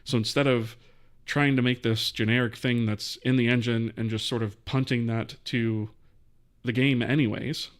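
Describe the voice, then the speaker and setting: A man's voice: mid-range voice, steady tone, moderate pace. A man hosting a live coding stream, thinking aloud as he types and answering questions from chat.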